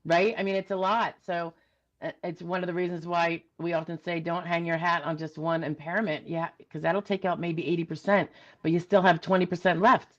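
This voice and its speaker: Lady lawyer chatting, thinking out loud, keeps saying right?, muffled sound. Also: on the low side, flat delivery, a little fast. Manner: thinks aloud, adds "right?" checks. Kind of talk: casual discussion.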